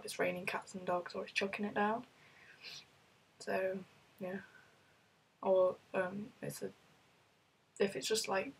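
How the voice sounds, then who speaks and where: A British vlogger, ill and rough-voiced, chats casually through a list of questions, rambling and using lots of fillers. Her medium-pitched voice is gravelly, and the audio is poor with a bit of background noise.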